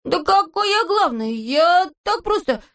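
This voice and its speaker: Woman doing a shrill bossy little boy. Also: big pitch swings, a little slow, fairly bright tone, heavily acted. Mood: flustered. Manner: shrill, indignant, squealing.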